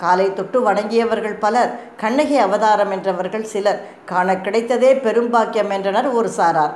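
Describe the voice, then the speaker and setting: A woman narrates a historical novel in a measured, dramatic reading voice. Her voice rings in an echoey room, with a faint hiss behind it. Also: medium pitch, a little mellow.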